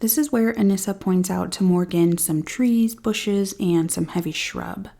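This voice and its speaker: On her true crime podcast, a woman unhurriedly walks through a case, adding sarcastic, dry remarks. Her voice is medium-pitched and dark, captured with a studio-style podcast mic.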